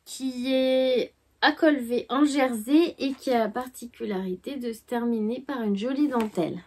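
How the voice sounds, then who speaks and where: A woman's voice: on the high side, moderate pace, a little mellow. A woman hosting her knitting podcast, chatting casually and hesitantly with many fillers. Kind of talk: casual chat.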